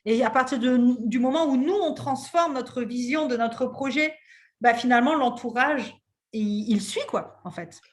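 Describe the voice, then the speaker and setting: Woman host in her thirties, fairly high voice, lively casual chat, swears freely. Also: moderate pace. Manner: animated, swears casually, many fillers. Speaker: podcast host and coach.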